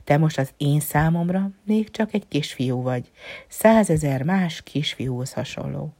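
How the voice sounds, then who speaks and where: A woman voicing a gentle, lonely male fox in a storybook reading, speaking softly and often sinking into a whisper. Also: sits low, expressive, no room sound. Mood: musing. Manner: soft, musing, often dropping to a whisper.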